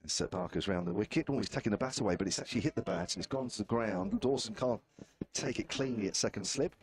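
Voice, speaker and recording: Speaking fast in a lowish voice, a man with a southern English accent commentates live on cricket from an outdoor position at the ground. He's chatty and wry, with a self-deprecating streak.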